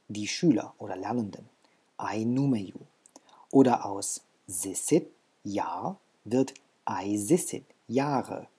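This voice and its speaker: Guy teaching a language class, soft mellow voice, bit husky, patient and clear. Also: medium pitch. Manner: patient, instructive, repeats example words. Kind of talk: explaining a language lesson.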